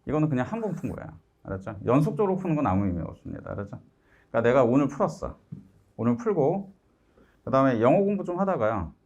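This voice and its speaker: A man's voice: mid-range voice, fast, lo-fi sound. A middle-aged man teaching a math class. He talks to the students directly and keeps checking that they follow him. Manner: lively, keeps asking "알았죠?" to check understanding; acts out students' complaints in a raised voice. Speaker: math instructor. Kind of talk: lecture to students.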